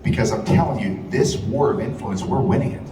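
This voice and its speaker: A brisk, medium-pitched male voice carries a heated rally speech packed with repetition and swearing. The speaker, a radio host, is recorded from afar in an echoing event hall, with a noisy crowd loud in the background.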